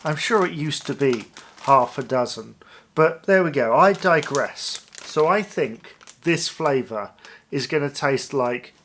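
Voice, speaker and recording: Higher-voiced man musing through a casual review. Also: expressive, unhurried, fairly bright tone, a little hiss or hum. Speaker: food review vlog host. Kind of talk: casual taste-test review to viewers.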